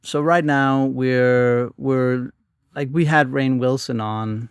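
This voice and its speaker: A man in his forties with a Danish accent, telling his life story as a guest in a halting, repeating way. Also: mid-range voice, fairly even intonation, clean tone, dry recording, studio quality. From Denmark. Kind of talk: casual interview storytelling. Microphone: studio microphone.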